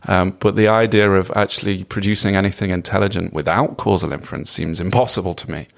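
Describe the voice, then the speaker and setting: A man's voice: sits low, steady tone, quick pace, gravelly. A British man answering interview questions casually, thoughtful and hedging, with self-deprecating humour. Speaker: podcast guest, causal inference researcher.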